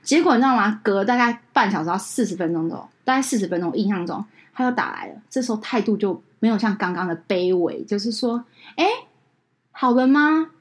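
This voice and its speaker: A woman's voice: mid-range voice, quick pace, few pauses. A woman with a Taiwanese Mandarin accent, hosting a podcast as a casual chat and telling an indignant story with acted-out quotes. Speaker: podcast host.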